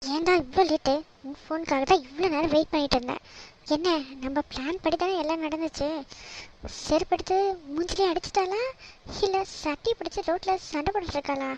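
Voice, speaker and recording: A woman voicing a scheming, jealous young woman villain in a cartoon drama, taunting and slow. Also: high voice, a little mellow, natural voice. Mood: mocking. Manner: sneering, taunting, slow and deliberate. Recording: dull lo-fi recording.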